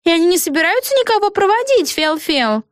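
A shrill, spoiled witch girl. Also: sing-song, brisk, no echo, clean studio sound. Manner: shrill, squealing.

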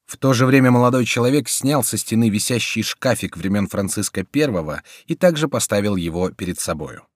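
A man narrating a historical adventure audiobook in a dramatic, measured reading. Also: lowish voice, expressive, dry recording, studio quality. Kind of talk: scripted narration.

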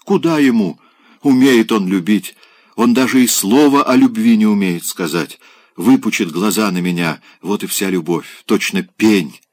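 A man's voice: fairly low pitch, normal speed, no echo, lightly acted. A man voicing a passionate, restless married woman in an audiobook, pleading and melodramatic. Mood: bitter complaint.

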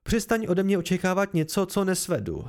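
A man's voice: fairly high pitch, animated, gravelly, darkish tone. A man voicing a battered, weary innkeeper with a dry, wry wit, in an amateur audiobook reading. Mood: furious. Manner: wry, pained, tired.

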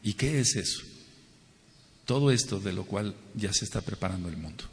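A man's voice: lowish voice, lively intonation, normal speed, a little hiss or hum. A man teaching a Torah sermon, asking rhetorical questions and repeating phrases for stress. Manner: acts out quoted people with a raised voice. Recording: long hall reverb.

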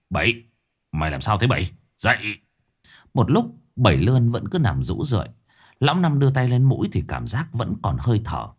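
A man narrating a ghost story as an expressive storyteller. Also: fairly low pitch, slightly rough. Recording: soft background music.

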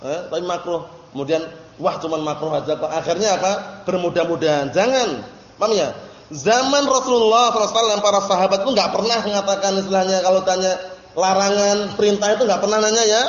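A man's voice: high-pitched, echoey room, big-room sound, dull audio. A man giving a religious study lecture, explaining terms patiently and checking that his listeners follow. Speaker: religious teacher.

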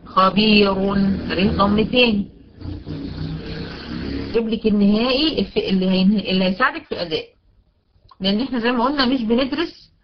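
A woman teacher with an Egyptian Arabic accent explains recitation rules step by step, recites example words slowly and often checks that her students follow. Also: a little high, a little hiss or hum. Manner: often checks understanding with "tamam?". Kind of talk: recorded tajweed lesson. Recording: dull, lo-fi recording.

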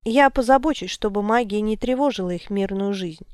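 A woman reading the lines of a calm, resolute male wizard in an audiobook, with a firm, declaring manner. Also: mid-range voice, fairly quick, clear, resonant tone, no echo, clean studio sound, lightly acted.

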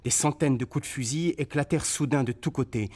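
A man giving an expressive, dramatic reading of a war memoir for radio, voicing the sounds of shells and cries. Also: mid-range voice, fairly quick. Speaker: reader on a radio documentary.

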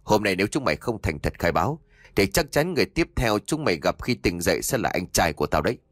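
A man voicing a cruel, vengeful young man in a ghost story, snarling insults in fast, harsh bursts. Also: on the low side, very animated, no room sound, studio quality. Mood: furious.

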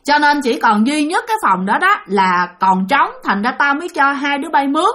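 A woman voicing a gruff older man who runs a small hotel's front desk, curt and scolding. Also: high-pitched, sing-song, moderate pace, pushed and bright, pitched above the performer's own voice, heavily acted. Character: gruff older male hotel night clerk.

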